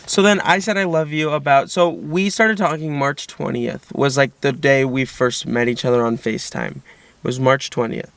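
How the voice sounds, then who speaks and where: A man's voice: mid-range voice, fairly even intonation, moderate pace, fairly bright tone, smooth, no room sound. A young man chatting casually with his girlfriend in a couple's vlog, rambling with lots of "like". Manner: chatty, nervous-sounding recounting, frequent "like". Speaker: vlogger, boyfriend.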